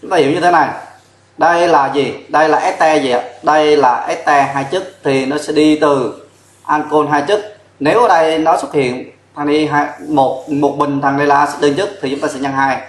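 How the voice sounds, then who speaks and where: A man's voice: on the high side, steady tone, moderate pace. A man teaching a chemistry lesson at a board, explaining step by step and spelling out formulas letter by letter. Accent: Vietnamese. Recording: echoey classroom sound.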